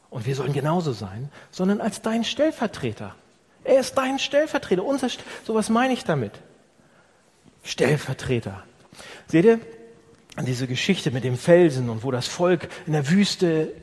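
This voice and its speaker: Husky, animated preacher in a reverberant hall. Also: male voice, on the high side. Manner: animated, with rhetorical questions to the congregation. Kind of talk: sermon. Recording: long reverb of a large hall.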